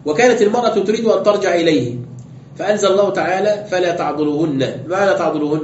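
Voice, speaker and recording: A man's voice: sits high, rapid-fire, darkish tone, a little hiss or hum. A man, a sheikh giving an explanatory lecture on scripture who poses rhetorical questions and reads texts aloud. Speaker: sheikh teaching exegesis. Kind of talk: classroom lecture with commentary. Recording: roomy, dull lo-fi lecture recording.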